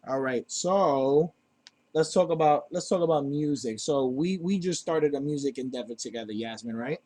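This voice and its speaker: A man's voice: on the high side, normal speed, a little mellow. A man hosting a homemade podcast from a basement, talking loosely and rambling with lots of fillers. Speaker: podcast host. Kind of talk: casual podcast chat. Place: home basement.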